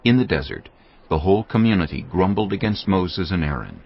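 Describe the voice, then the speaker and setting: A man narrating scripture in a measured, steady reading, on dull audio with faint music behind. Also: sits low, vocal fry.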